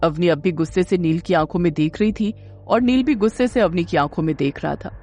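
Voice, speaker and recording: A woman storyteller reading a scripted romance audio story in a steady, dramatic way. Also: fairly low pitch, a little fast. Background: faint music.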